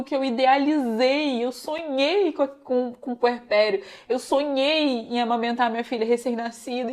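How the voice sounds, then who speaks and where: A young woman with a Brazilian Portuguese accent, earnestly telling her own story to viewers and acting out the dialogue. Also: high-pitched. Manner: earnest, addresses viewers as "gente", acts out quoted dialogue. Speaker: vlogger sharing a personal testimony. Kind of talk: emotional personal storytelling.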